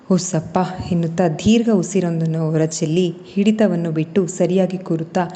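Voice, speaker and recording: Woman storyteller, low-pitched, mellow, echoey room. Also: normal speed. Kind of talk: storybook narration.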